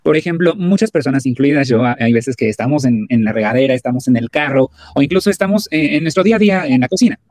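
Rapid, eager podcast host. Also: male voice, mid-range voice, lively intonation, darkish tone, dry recording. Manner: eager, with many fillers and restarts. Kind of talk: casual interview hosting.

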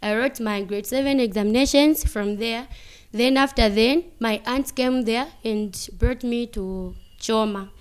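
A young Zambian woman speaks slowly and carefully, her voice clear and smooth, a little higher than most. She pauses often with fillers and slips local words into her English. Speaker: interviewee, football player. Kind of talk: casual interview answers.

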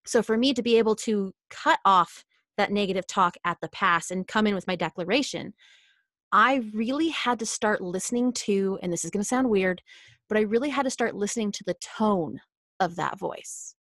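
A woman speaks as a podcast guest in an earnest, casual way. Her voice sits in an ordinary middle pitch. The sound is dry and close, with no room in it. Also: normal speed, fairly bright tone, no echo. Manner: earnest, self-help tone.

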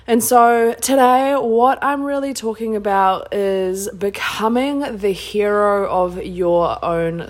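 A woman with a New Zealand accent hosting a casual solo self-help podcast, speaking earnestly, emphatically and informally. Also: medium pitch. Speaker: podcast host.

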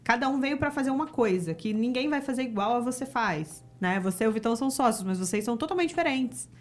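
A woman's voice: on the high side, lively intonation, fast. A woman from Rio de Janeiro with a Carioca accent, talking reflectively as a podcast guest in a casual interview. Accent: Carioca Portuguese. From Rio de Janeiro, Brazil. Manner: reflective, talks about spirituality with many fillers.

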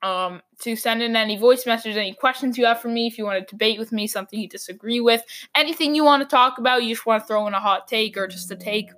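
Barely pausing, a woman rants fast and frustrated on her own sports podcast. Her slightly high, fairly bright voice is getting hoarse from talking too long.

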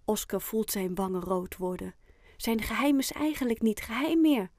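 A woman narrating a children's audiobook in a calm, clear storytelling manner. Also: mid-range voice, normal speed, dry recording, studio quality.

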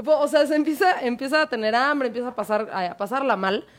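Slangy high-pitched Mexican woman storyteller. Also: fairly quick. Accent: Mexican Spanish. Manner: profane, joking, slangy. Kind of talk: casual storytelling chat.

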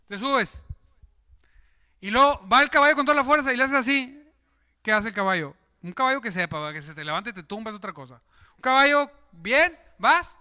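A man's voice: very high voice, clear, resonant tone. A man preaching a sermon, joking and putting questions to the congregation. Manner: lively, jokes and asks the congregation questions.

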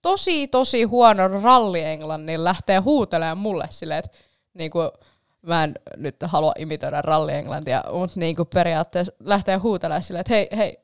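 A woman's voice: on the low side, lively intonation, clear, resonant tone. A young woman telling a long story in a casual chat, rambling with lots of fillers and the odd swear.

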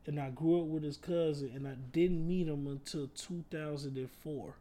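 A man with a slightly high voice, telling laid-back stories in a casual chat. He talks in heavy slang and swears freely. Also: steady tone, normal speed, a loud crowd. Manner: laid-back storyteller, laughs through his punchlines. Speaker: podcast co-host.

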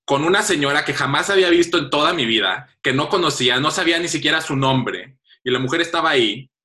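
A man's voice: on the high side, fast. A young man with a Mexican accent telling a funny personal story in a casual chat, laughing as he goes. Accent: Mexican Spanish. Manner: animated, laughs through his story.

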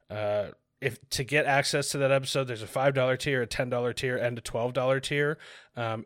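A man with a mid-pitched voice hosts a casual podcast. His talk is informal and conversational, and the sound is dry with very little room. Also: fairly bright tone, no echo. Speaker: podcast host.

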